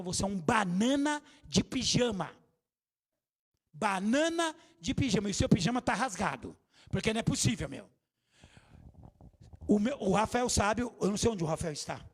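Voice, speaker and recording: A middle-aged man with a Brazilian accent preaching a sermon in a church, jokey and scolding, bursting into shouts. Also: high voice, slightly rough. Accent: Brazilian Portuguese. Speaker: pastor. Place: church hall.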